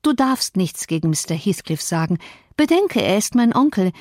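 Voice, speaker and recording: A woman voicing a spirited, headstrong teenage girl in an audiobook, speaking in quick, indignant questions. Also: medium pitch, big pitch swings, a little mellow, no echo, clean studio sound. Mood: reproachful.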